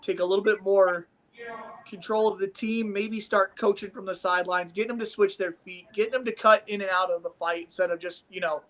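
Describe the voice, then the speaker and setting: Steady and a little fast, this high, fairly bright voice belongs to a man from Omaha, Nebraska. He's doing laid-back sports commentary on martial arts sparring, rambling and enthusiastic like a coach.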